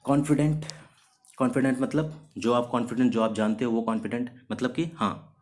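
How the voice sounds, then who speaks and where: A man's voice: mid-range voice, fairly even intonation, darkish tone. A man teaching English vocabulary in a recorded video lesson. He explains each word step by step, asks questions and answers them himself, and mixes English terms into his Hindi explanations. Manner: slows down sharply to read out example sentences.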